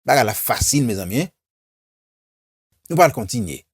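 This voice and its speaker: A man's voice: medium pitch, sing-song, moderate pace, slightly rough, no room sound, clean studio sound. A man with a Haitian accent teaching English vocabulary, saying each word several times and then translating it. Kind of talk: slow vocabulary drill with repetition.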